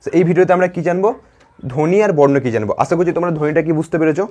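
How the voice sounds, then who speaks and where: A quick-speaking man gives a grammar class to young pupils. His voice sits a little high, and he keeps repeating key terms and checking "all right?" as he goes. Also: darkish tone. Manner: repetitive, checks in with "ঠিক আছে?" often. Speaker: teacher. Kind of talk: classroom grammar lesson to children.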